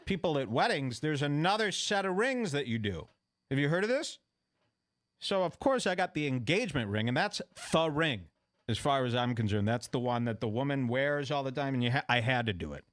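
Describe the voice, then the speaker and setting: Animated man telling a comic story. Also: mid-range voice, a little fast. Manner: animated, does mocking voices of people in his story; profane and sarcastic. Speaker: podcast host. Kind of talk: comedic storytelling.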